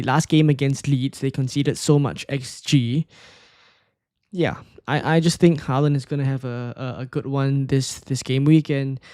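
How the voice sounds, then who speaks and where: A man's voice: a little high, dry recording. Man, dry close voice. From Singapore. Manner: thinking aloud, relaxed and conversational, frequent fillers and restarts. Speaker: fantasy football streamer. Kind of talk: casual live-stream commentary answering chat questions.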